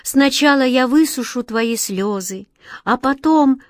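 A woman voicing a playful, childlike wind spirit who teases in a high, ringing, singsong voice. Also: unhurried, no room sound, studio quality. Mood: tender.

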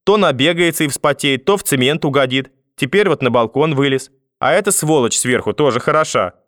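A man voicing a furious, sharp-tongued old grandmother in an audiobook, shouting insults in a high, loud voice. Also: a little fast, no room sound, studio quality, natural voice. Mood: ranting. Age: older. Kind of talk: audiobook character voice.

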